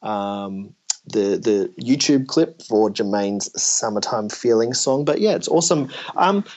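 A man's voice: on the low side, lively intonation, measured pace, a little mellow. Casual man hosting a music podcast. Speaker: podcast host. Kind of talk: casual chat.

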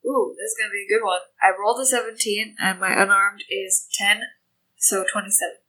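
A woman's voice: medium pitch, fairly even intonation, brisk, sharp tone, rough recording. A woman chatting casually as a player in a tabletop game, informal and inquisitive.

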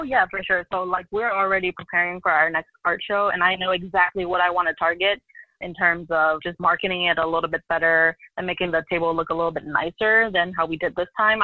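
Young woman guest, bright voice, rambly and chatty, dry close sound. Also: fairly low pitch, steady tone, a little fast, dry recording, low-quality recording. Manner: talkative, loose, many "like" fillers. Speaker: podcast guest. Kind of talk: casual interview chat.

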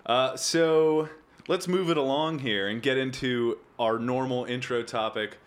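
A man's voice: mid-range voice, measured pace. A young man hosting a casual gaming podcast, joking and rambling between laughs while having a few drinks. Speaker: podcast host.

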